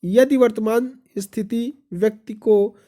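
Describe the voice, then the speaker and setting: A teacher reading exam-prep notes aloud, repeating each point as a question and then answering it. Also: male voice, high-pitched, steady tone, a little slow, warm tone.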